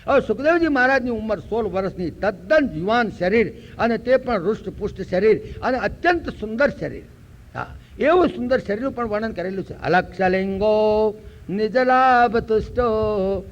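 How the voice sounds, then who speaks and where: An older man from Gujarat giving a spiritual lecture, telling stories and slowly chanting verses. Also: high-pitched, sing-song. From Gujarat, India. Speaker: preacher. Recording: dull lo-fi recording.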